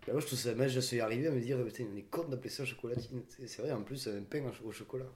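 A man's voice: medium pitch, racing, darkish tone. Chatty young man, frequent restarts. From southern France. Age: 20s. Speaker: young worker interviewee. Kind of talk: casual interview answers.

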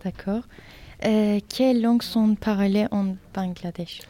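Female interviewer; slow, mellow, reads brief scripted questions. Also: mid-range voice, steady tone. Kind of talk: school interview.

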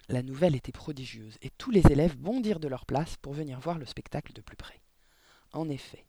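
A man reading a children's novel aloud in a measured way, adding short explanatory asides. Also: mid-range voice, mellow, no room sound. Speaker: audiobook narrator.

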